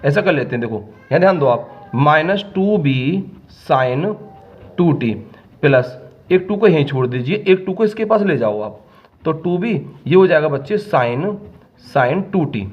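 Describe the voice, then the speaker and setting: Male maths teacher, patient, slow step-by-step dictation, slightly high voice, dull lo-fi recording. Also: lively intonation. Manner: patient, checks often whether students follow; dictates terms slowly, step by step. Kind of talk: whiteboard maths lesson.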